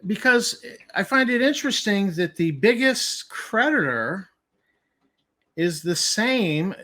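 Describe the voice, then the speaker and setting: Reading a document aloud, a man offers informal commentary as host, emphatic and doubtful, repeating key points for effect. He speaks slowly in a high, bright, forceful voice with big pitch swings, sounding incredulous throughout.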